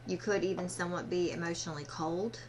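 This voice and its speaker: A woman fortune teller giving a casual card reading, speaking haltingly and directly to the listener. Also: lowish voice, steady tone, darkish tone, slight background noise. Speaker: fortune teller, tarot and oracle card reader.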